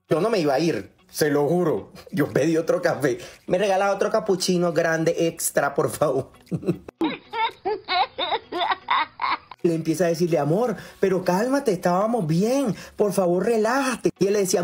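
Husky man telling a comic story. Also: a little high, a little slow, pauses often. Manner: animated, laughs often, acts out voices. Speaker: doctor telling a gossip story.

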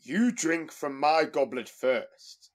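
An actor playing an imperious, suspicious medieval tsar who speaks in archaic, formal phrases. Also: male voice, a little high, very animated, takes it slowly. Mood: haughty. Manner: archaic formal speech, wailing laments.

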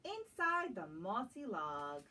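A woman around her forties, with a mid-range voice, wildly swooping pitch, a sharp tone and a breathy edge, reads a picture book expressively to children, as if at library storytime. She adds slow, questioning asides for the young listeners in a small indoor room lined with bookshelves. A camera a few metres away picks her up through its distant mic.

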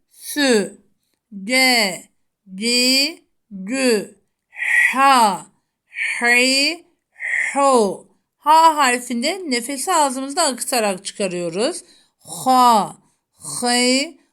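A woman leads a recitation lesson, sounding out syllables one at a time with careful drilling. Her voice sits high, and she takes her time over every sound. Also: a bit bright. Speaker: Quran reading teacher.

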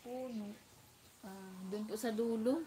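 A soft-spoken woman vlogger takes her time greeting viewers one by one, her voice gentle and quiet as she apologizes often. She talks at a slow, relaxed pace over faint background noise, with birdsong and outdoor ambience around her. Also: a little high. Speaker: vlogger reading viewer shout-outs. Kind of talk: casual livestream chat.

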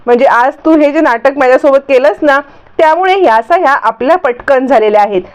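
A woman's voice: high voice, a little fast, close to an everyday voice. A woman reading the lines of a scheming, bossy middle-aged aunt who scolds sharply. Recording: dull lo-fi recording.

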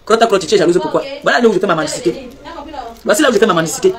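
A woman hosting a live stream, teasing her viewers and reeling off repetitive, mock-preaching blessings in a loud voice. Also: mid-range voice, animated, very fast, crowd noise. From Cameroon.

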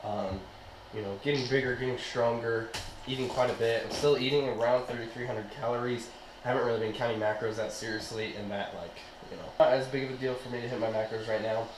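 In casual vlog chat recorded on an action camera a short distance away, a young man who makes fitness videos speaks slangily from kitchens at home and a gym. He talks quickly in a steady, medium-pitched voice, with roomy echo and clear background noise.

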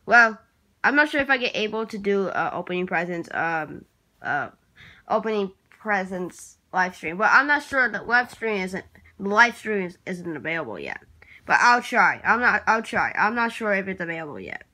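Woman rambling through a vlog, bright sharp voice, keeps going all right and sorry. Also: medium pitch, sing-song, moderate pace. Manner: hesitant and rambling, repeats and restarts words, keeps clearing throat and apologizing. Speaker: vlogger. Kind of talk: casual vlog talk while working at a computer.

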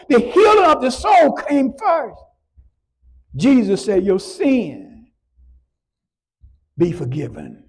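Husky, gravelly-voiced preaching man. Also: sits high. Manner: preaching with shouted peaks and drops, repeating "praise God". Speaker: pastor. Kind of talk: sermon.

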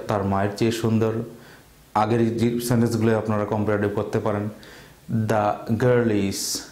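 A man with a Bangladeshi accent teaching an English grammar lesson, explaining slowly and repeating example sentences. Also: on the low side, a little mellow, echoey room.

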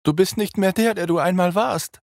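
A man's voice: moderate pace, vocal fry, darkish tone, no echo, studio quality. A man reading an audiobook, voicing a furious, spiteful blonde female vampire who shrieks accusations. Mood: shrieking. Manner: shrill, accusing.

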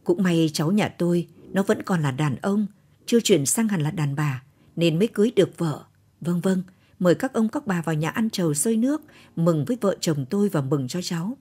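A woman voicing an old village grandfather, fussy and quick to scold, in an audio storybook. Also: on the low side, lively intonation, dark tone, husky. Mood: beaming.

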